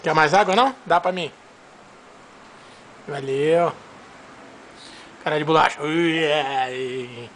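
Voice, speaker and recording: A man's voice: a little high, slow pace, pauses often, a bit bright, a little hiss or hum. A man with a Brazilian accent filming a baby at home and talking to it in a playful, coaxing sing-song. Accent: Brazilian Portuguese.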